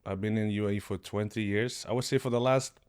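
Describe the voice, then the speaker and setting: Low-voiced, animated man from Sweden. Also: fast, smooth. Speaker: guest, martial arts coach. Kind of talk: podcast interview.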